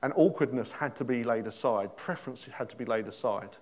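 A middle-aged man gives a sermon in a relaxed, conversational manner. He asks his listeners questions and throws in jokes as he goes. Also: medium pitch, brisk. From Britain. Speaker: pastor.

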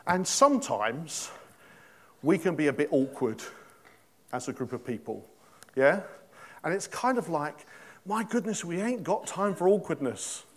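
A man's voice: on the high side, animated, a little slow, pauses often, fairly bright tone. A middle-aged man preaching a sermon in a conversational way, asking his listeners questions and joking with them. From Britain. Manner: conversational, asks the congregation questions, jokes. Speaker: pastor.

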